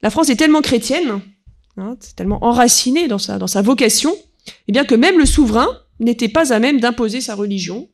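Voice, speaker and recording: A woman giving an unscripted history lecture, pausing often and filling gaps with small verbal tics while she reads quotes aloud. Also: a little high, lively intonation. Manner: hesitant, peppered with "voilà" and "hein", reads quotes aloud.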